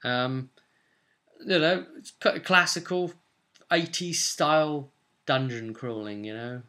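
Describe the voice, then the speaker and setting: Speaking slowly in a bright, forceful medium-pitched voice, a British man in his 20s recaps game sessions for his vlog. He talks to camera in a loose, rambling, conversational way full of tag questions, filmed in a small room at home.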